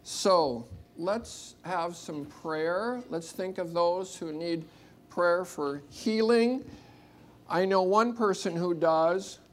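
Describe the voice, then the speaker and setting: A church leader giving announcements and leading spoken prayer in a plain, informal, unhurried way to a congregation. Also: mid-range voice. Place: church service room.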